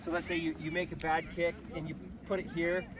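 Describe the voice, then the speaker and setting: At an outdoor sports field, a man gives his soccer team a halftime pep talk, instructing them and often tacking on short tag questions to check they understand. His voice is a little high, level in tone and fairly quick. A crowd can be heard behind him, and the recording picks up clear traffic noise.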